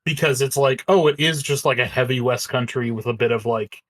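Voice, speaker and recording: A man's voice: mid-range voice, brisk, a bit bright. A man co-hosting a podcast in casual chat, rambling, swearing freely and laughing easily. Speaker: podcast co-host.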